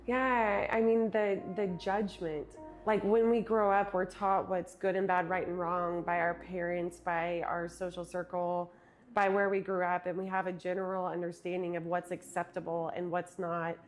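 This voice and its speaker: A woman speaking as an interview guest, reflecting earnestly on her work as a speaker and retreat host, sometimes speeding up and sometimes slowing down. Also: lowish voice, level tone. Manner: earnest, with quick and slow stretches, laughs easily.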